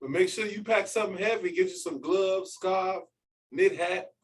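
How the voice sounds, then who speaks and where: A man's voice: high voice, normal speed. A man hosting a casual chat show, laid-back, slangy and teasing. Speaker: podcast host.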